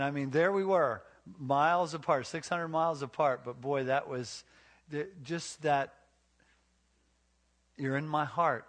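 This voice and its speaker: A man's voice: fairly high pitch, fairly bright tone. A man preaching on marriage to a live congregation. He tells folksy stories full of restarts and asks the crowd questions. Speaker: pastor.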